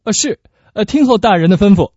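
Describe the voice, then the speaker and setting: A man's voice: sits high, expressive, a little fast, darkish tone, breathy edge, no room sound. A man voicing a hearty, blustering male musketeer in radio storytelling, stammering with eager fillers. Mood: flustered. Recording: dull lo-fi recording.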